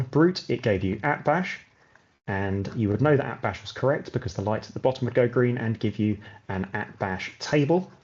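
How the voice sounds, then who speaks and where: Man, session host, effusive, chatty asides, video call, mid pitch, dull lo-fi sound. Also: darkish tone. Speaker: session host and escape room designer. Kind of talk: hosting an interactive online session.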